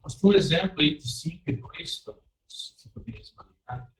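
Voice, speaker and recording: A man's voice: on the high side, expressive, measured pace. A man asking a question over a live online call, his audio choppy and cutting out, speaking in short hesitant fragments. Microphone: remote call mic. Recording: echoey, distant call audio breaking up.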